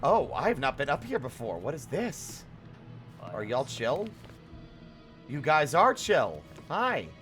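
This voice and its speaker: A man's voice: mid-range voice, huge pitch swings, slow, pauses often, fairly bright tone. A man streaming a video game, chatting loosely and swearing freely as he plays. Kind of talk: casual live gameplay commentary. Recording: game music behind.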